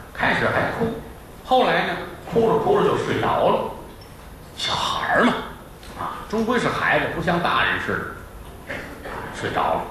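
A middle-aged man narrating a comic folk tale, his pitch leaping and dropping all the time. His voice sits a little high for a man. The very echoey hall and distant mic add faint room noise. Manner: animated, playful asides. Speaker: storyteller. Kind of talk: comic traditional storytelling.

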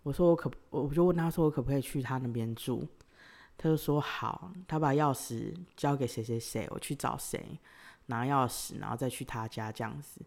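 A woman, hosting a podcast and telling a personal story, swinging between loud outbursts and quiet sighs. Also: very deep voice, normal speed, creaky. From Taiwan. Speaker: podcast host.

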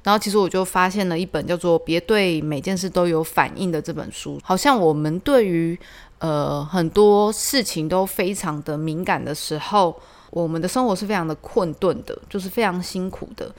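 A woman hosting a casual solo podcast, telling stories in a chatty, animated way with lots of fillers. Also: fairly low pitch, normal speed. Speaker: podcast host.

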